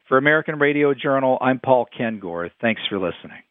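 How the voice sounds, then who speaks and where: A man's voice: mid-range voice, lively intonation, a little fast, no room sound. A man delivering a scripted radio commentary, emphatic and quoting his sources. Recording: dry phone-like radio sound.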